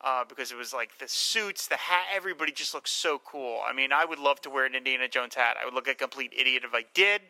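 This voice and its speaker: A man's voice: mid-range voice, quick pace, few pauses, pushed and bright, dry recording, low-quality recording. A man hosting a casual film podcast, speaking in an enthusiastic, emphatic way. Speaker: podcast host.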